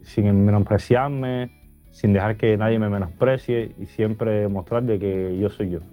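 A man, giving earnest, halting interview answers full of restarts. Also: fairly low pitch, fairly even intonation, highs cut off, soft background music. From Cuba. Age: 30s. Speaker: guest.

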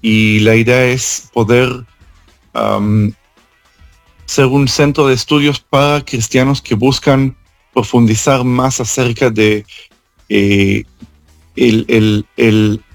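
A man from Israel, a tour guide, answering interview questions over an international phone call, speaking haltingly and pausing often. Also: mid-range voice, gravelly, no echo, soft background music. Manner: halting, with frequent hesitation fillers.

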